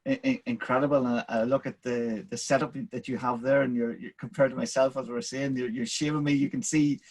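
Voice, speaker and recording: A man's voice: mid-range voice, steady tone, brisk. A man hosting an interview over a video call, enthusiastic and stumbling over his words with repeated starts. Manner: enthusiastic, stammering restarts. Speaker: host.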